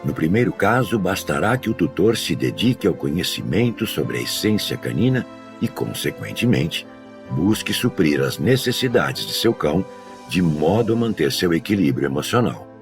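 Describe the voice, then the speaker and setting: A man working as a dog trainer, giving a measured, scripted educational narration. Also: low voice, big pitch swings, over music. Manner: measured, explanatory delivery.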